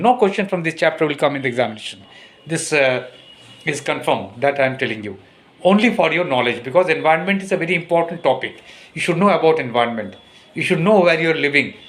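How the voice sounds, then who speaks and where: A man with an Indian English accent, a teacher giving a recorded lesson. He reads from the textbook slowly, repeats passages, and stumbles over hard words. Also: on the high side, slight background noise. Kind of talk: recorded classroom lesson, reading a textbook aloud.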